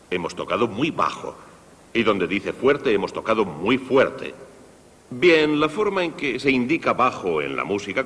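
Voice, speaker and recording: A conductor with a low, husky voice presents a concert for young people, teaching them about the orchestra in this Spanish dub of a televised music lesson. He's lively and explanatory, speaking directly to the children as his pitch swings widely. A long hall reverb carries the sound.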